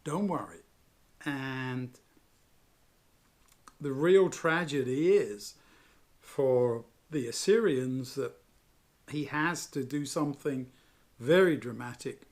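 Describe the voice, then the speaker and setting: A man teaching a Bible lesson, retelling the story in a lively, conversational way with asides. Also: mid-range voice, slow pace, pauses often.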